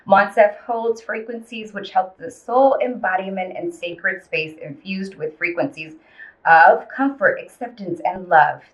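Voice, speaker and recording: A woman's voice: medium pitch, a little slow. A woman co-host reading news segments and a guest introduction in an upbeat, chatty way. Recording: dull, lo-fi audio.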